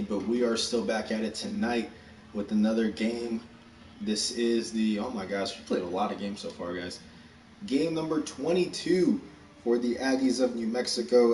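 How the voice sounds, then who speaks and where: A man's voice: medium pitch, darkish tone. Breathless man streaming a sports game. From Texas. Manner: casual, rushed, chatty, upbeat. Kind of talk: live-streamed video game commentary. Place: room at home. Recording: roomy echo, distant mic, faint background hum.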